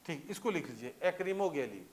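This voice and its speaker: A man's voice: fairly high pitch, sing-song, fairly quick, a little hiss or hum. A man teaching a lecture in a conversational way, often checking that students understand with repeated questions. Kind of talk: classroom lecture.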